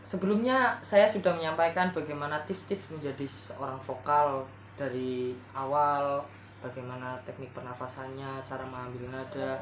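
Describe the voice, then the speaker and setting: A man from Central Java giving casual vocal tips as a singer, rambling and searching for words, often clearing his throat. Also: mid-range voice, fairly even intonation, moderate pace, a bit bright. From Kebumen, Central Java, Indonesia. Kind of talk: casual spoken tutorial. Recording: roomy echo, faint background noise.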